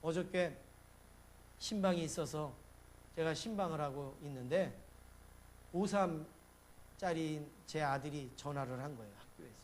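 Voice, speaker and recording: Middle-aged man, pastor, storytelling sermon, slightly high voice, faint noise behind. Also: moderate pace, pauses often. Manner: storytelling with sudden loud bursts when acting out his panic. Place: church sanctuary.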